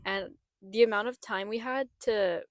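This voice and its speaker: A young woman hosts a podcast in a mid-range voice with fairly even intonation and a measured pace, chatting casually and rambling with restarts. It is studio-quality audio on a podcast mic with no echo.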